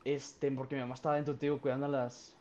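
A man's voice: mid-range voice, flat delivery, very fast, a little mellow. A young man with a Mexican Spanish accent telling a story on a podcast in a rambling, slangy way with lots of fillers. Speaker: podcast co-host. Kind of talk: casual storytelling. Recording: dull lo-fi sound.

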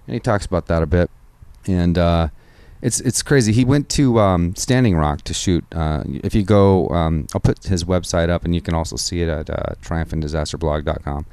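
In a photo studio with no room sound, a podcast host from Washington State rambles through a casual interview, sprinkling in "man," "dude" and swearing. His low voice is smooth and a little mellow, at normal speed with few pauses.

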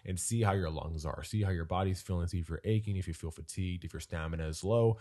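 A young man with a very low voice, dropped further by a recent cold. He chats loosely on a podcast, filling pauses with "um" and "like". He slips in the odd joke. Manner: relaxed, many fillers, jokey. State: deep voice from a cold. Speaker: podcast co-host. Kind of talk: casual podcast chat.

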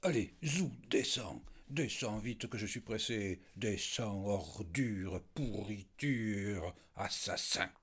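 A man voicing an old country grandfather who speaks calmly but grows threatening, with a low husky voice. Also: takes it slowly, heavily acted. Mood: enraged. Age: older. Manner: calm and dry, later hoarse and panting. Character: old country grandfather, calm businesslike, then enraged.

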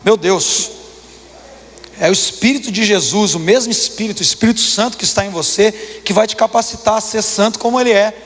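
A Brazilian man in his thirties preaching a sermon as pastor, impassioned, his voice climbing higher when he presses a point. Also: brisk, fairly bright tone. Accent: Brazilian Portuguese. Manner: impassioned, rises in pitch when preaching hard. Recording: long hall reverb.

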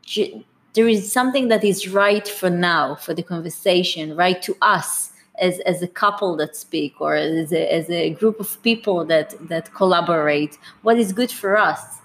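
A woman's voice: on the low side, measured pace, slight background noise. A middle-aged woman, a guest in an interview, explaining business culture earnestly with frequent restarts and repeated words. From Israel.

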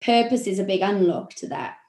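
A woman with a Welsh accent, a marketing executive explaining her work in a podcast interview, measured and full of corporate phrasing. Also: medium pitch, darkish tone, echoey room.

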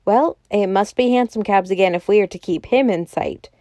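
Woman doing an excitable shouting doctor. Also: medium pitch, moderate pace, no echo, studio quality, close to an everyday voice. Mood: excited. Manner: crying out, exclaiming. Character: excitable, loud male doctor.

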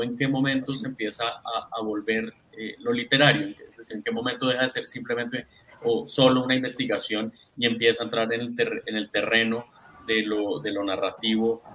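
A man with a medium-pitched voice moderates a literary discussion. He is discursive, circling back to restate his questions, with faint noise in the background. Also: bright, forceful tone, low-quality recording. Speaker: panel moderator.

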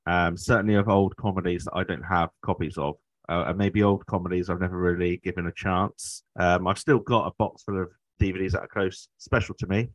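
A man's voice: low-pitched, fairly even intonation, brisk, few pauses, no room sound, highs cut off. A British man hosting a podcast, chatting casually in a rambling, conversational way. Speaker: podcast host. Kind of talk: casual chat.

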